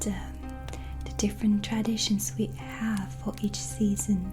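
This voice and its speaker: An ASMR performer voices a slow, whispery, gentle witch at a medium pitch that stays close to her everyday voice. The breathy near-whisper is soft, warm, and soothing, with a hesitant pace, set against soft relaxing music and ambience.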